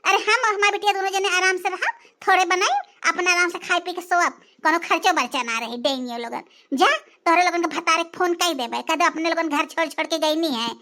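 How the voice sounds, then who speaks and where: A voice put on as a shrill, dismissive old mother-in-law. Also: fairly quick, pushed and bright, heavily acted. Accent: Awadhi. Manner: dismissive, scolding. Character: stubborn older mother-in-law, doting on daughter. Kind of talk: cartoon voice acting.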